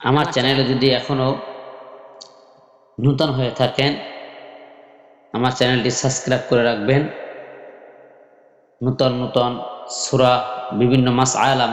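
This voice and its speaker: A man teaching how to spell out and pronounce a verse of scripture, slowly repeating each syllable and drilling it for his students. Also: medium pitch. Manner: patient, repeats each syllable, drills it, then asks and answers his own questions. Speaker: Quran recitation teacher. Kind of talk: slow spelling lesson with chanted recitation. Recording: echoey room with long reverb.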